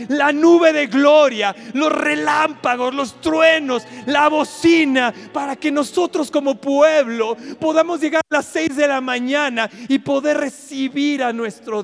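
A man preaches with fervor, his voice pitched very high for a man and edged with a gravelly fry. He repeats his phrases and surges into shouts. The sound rings through a large hall with music playing softly underneath. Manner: fervent, repetitive, bursts into shouting. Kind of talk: fervent sermon. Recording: reverberant hall with background music.

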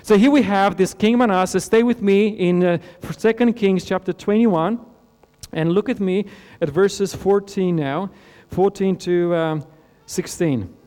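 A man from Romania preaching a sermon, asking earnest rhetorical questions and letting his voice fall low and soft at the end of phrases. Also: a little slow. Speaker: pastor. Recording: long hall reverb with mains hum.

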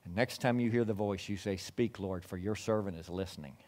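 A man in his sixties preaching a sermon, telling Bible stories, acting out the voices and rising loud at the high points. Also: brisk. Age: 60s. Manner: storytelling preacher who acts out voices and swells loud at climaxes. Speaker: pastor.

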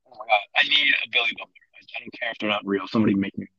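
Man, low voice, dull dry lo-fi audio, loose rambling podcast chat. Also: racing, sharp tone, breathy edge. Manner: casual, rambling, swears freely. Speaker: podcast co-host. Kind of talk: unscripted book discussion.

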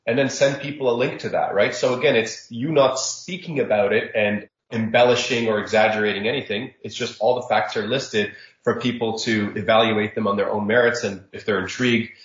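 A man born in Saudi Arabia talks through his views as a startup founder, calm and reflective. His voice sits a little low. The recording is dull, lo-fi, and echoes in the room. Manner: reflective, measured, sprinkles religious phrases. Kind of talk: conversational interview answers. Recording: roomy, dull lo-fi audio.

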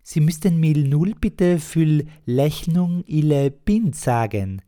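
Man doing a shrill, loud young snack-bar cook. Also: lively intonation, slow. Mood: eager. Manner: shrill, loud, mangled words. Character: young male snack-bar cook, fashionable, garbled talker.

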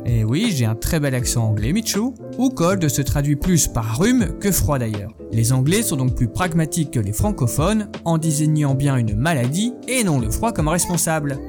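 Man, 30s, playful podcast host, lively high-ish voice over a music bed. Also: moderate pace, few pauses. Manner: playful, joking asides to his baby son. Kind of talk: casual comic chronicle.

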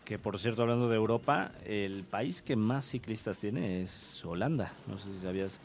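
A man hosting a casual radio interview, relaxed and loose, with many fillers and trailing phrases. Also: on the low side, normal speed. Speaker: radio show host.

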